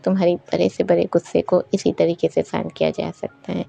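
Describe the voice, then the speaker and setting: A woman voicing a gentle elder sister who soothes her sulking younger sister with soft affection. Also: on the low side, little pitch movement, brisk, creaky. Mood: coaxing. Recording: dull recording, faint music behind.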